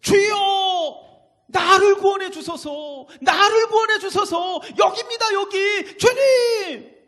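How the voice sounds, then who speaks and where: A man's voice: extremely high pitch, slow pace, voice pushed up, exaggerated voice. A man preaching who acts out a man sinking in water and pleading for rescue, in a hall with long reverb. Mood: desperate. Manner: pleading, then shouting desperately.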